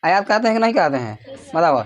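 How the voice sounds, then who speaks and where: A man's voice: high-pitched, sing-song, fast, dull audio. Bihari teacher quizzing his class. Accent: Bihari Hindi. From Bihar, India. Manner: calls out questions for the class to answer in chorus; raises his voice to a near shout at times. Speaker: coaching teacher. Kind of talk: classroom lecture to students. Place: classroom with students.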